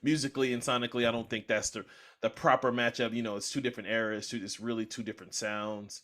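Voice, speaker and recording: A young man with a bright, forceful voice hosts a casual podcast conversation. He talks with plenty of filler and restarts, then gets loud and animated when he argues his point. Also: mid-range voice, quick pace. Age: young adult. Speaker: podcast host. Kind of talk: casual chat.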